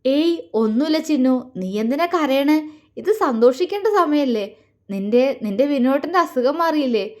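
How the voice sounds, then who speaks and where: A woman narrator voicing a heartbroken young woman who speaks softly and haltingly, repeating words through tears. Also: sits high, animated. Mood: tearful, pleading. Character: young woman, heartbroken, tearful and self-effacing.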